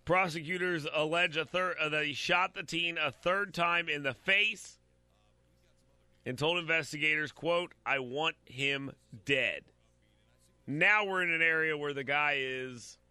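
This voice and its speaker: A man's voice: on the high side, bright, forceful tone, dry recording. A man giving blunt, opinionated commentary while reading out a news story, talking straight to his audience and stumbling over repeated words.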